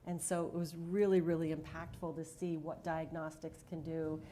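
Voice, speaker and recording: A woman's voice: sits low, flat delivery, normal speed, dark tone, a little hiss or hum. A woman speaking on a conference panel as a diagnostics leader, telling her story earnestly with frequent fillers.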